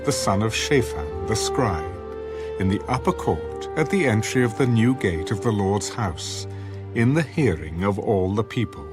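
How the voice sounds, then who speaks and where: A man with a lowish voice gives a formal, scripted scripture narration in measured phrases. His intonation is lively and expressive, and music is clearly audible underneath.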